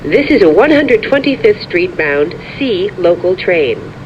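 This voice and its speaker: A prerecorded train announcer heard over a subway car's intercom, giving stops in an even, measured delivery. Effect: over a train intercom speaker. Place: inside a subway car. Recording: muffled lo-fi train speaker, rumble behind.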